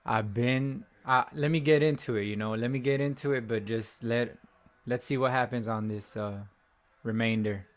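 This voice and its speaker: After a game, a young man hosting a sports fan channel rants from home in frustration, circling back over his points and rambling, his voice cracking. He speaks at normal speed in a mid-range voice with fairly even intonation.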